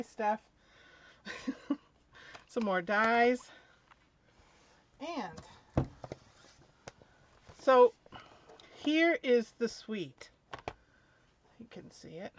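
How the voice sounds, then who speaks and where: A middle-aged woman hosting a live craft product demo, chatty and a little out of breath, laughing between pauses. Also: a little high, lively intonation, a little hiss or hum. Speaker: craft demonstrator. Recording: dull lo-fi live stream audio.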